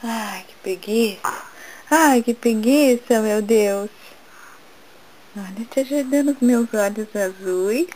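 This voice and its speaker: Sleepy baby boy, put on by a woman; slow, drawn-out, lazy talk, voice a bit high. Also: a little mellow, slight background noise, poor audio. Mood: drowsy, lazy.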